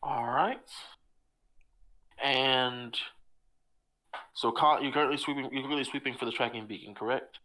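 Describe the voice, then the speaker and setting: A man narrating a tabletop role-play game as its game master, describing scenes and rulings in a relaxed, plain manner. His voice sits at an ordinary middle pitch. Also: normal speed, pauses often, rough recording.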